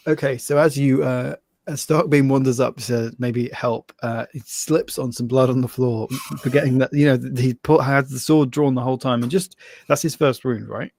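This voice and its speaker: A man's voice: medium pitch, steady tone, normal speed, creaky, a little mellow, no room sound. A man narrating a live tabletop game as game master, laughing often and rambling loosely as he describes scenes.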